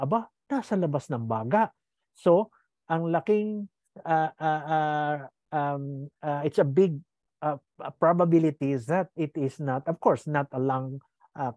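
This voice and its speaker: An older man, a doctor with a Filipino accent, telling a story slowly and casually, with many fillers and "no?" tags. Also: on the high side, mellow, dry recording. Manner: mixes English in, frequent "no?" tags and fillers.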